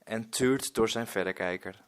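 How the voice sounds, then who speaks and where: A man reading a children's story aloud in an expressive storytelling manner. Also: lowish voice, moderate pace, smooth.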